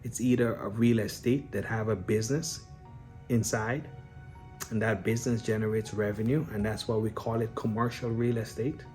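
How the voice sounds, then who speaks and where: A real estate investor and business owner from Guyana talks directly to his viewers in a casual explanatory vlog. His low-leaning voice moves at normal speed, unscripted and relaxed, with frequent "um" fillers and restarted sentences. Faint background music plays underneath.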